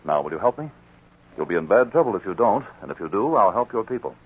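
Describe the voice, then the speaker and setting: A man's voice: fairly low pitch, big pitch swings, fast talker, breathy edge. A man playing a firm, probing police sergeant with an authoritative manner in a 1940s radio drama. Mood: investigative, resolute. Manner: authoritative, questioning, emphatic. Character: firm, probing, fair-minded police sergeant of the northern wilderness. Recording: muffled, worn 1940s radio recording.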